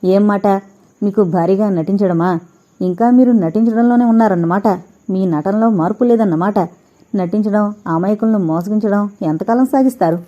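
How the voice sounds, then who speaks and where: Woman playing a proud young woman throwing sharp accusations, soft warm tone, muffled sound. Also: medium pitch, normal speed, natural voice. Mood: mocking. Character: defiant, scornful young woman. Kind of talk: audiobook character reading. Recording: dull lo-fi recording.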